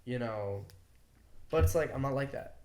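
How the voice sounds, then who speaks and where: A man's voice: mid-range voice, animated, moderate pace, a little mellow. Young man telling a story in a roomy room. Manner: swears freely, loose and heated, heavy on "like" fillers. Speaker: podcast co-host. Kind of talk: casual storytelling chat. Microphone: podcast mic. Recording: roomy echo.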